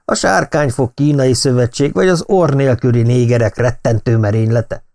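A man's voice: mid-range voice, darkish tone, close to an everyday voice. A man voicing a jovial older lord who teases and brushes off warnings. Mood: teasing. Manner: teasing, good-humored.

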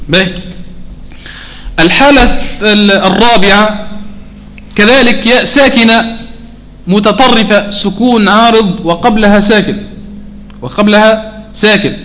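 High-pitched guy teaching tajweed, chants the examples slow, keeps asking if it's clear. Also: sharp tone. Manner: slowly chants recited examples, often checks "clear?". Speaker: Quran recitation teacher. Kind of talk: tajweed lesson.

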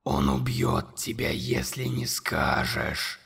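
A man voicing a huge, relentless monster in an audiobook, speaking in a low, slow, menacing whisper. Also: very animated, vocal fry, fairly bright tone, breathy edge, big-room sound, full character voice.

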